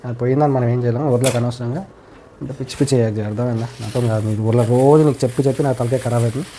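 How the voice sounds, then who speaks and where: A man's voice: medium pitch, steady tone, rapid-fire, dark tone, a little hiss or hum. A man arguing with his wife in a casual home prank, brushing off blame and scolding her bluntly. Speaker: husband pulling a prank. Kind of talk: casual domestic argument.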